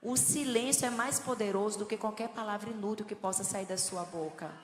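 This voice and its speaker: A woman's voice: mid-range voice, fairly quick, a little hiss or hum. A middle-aged woman from Northeast Brazil, preaching a sermon with humor and storytelling. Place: church hall. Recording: echoey church hall.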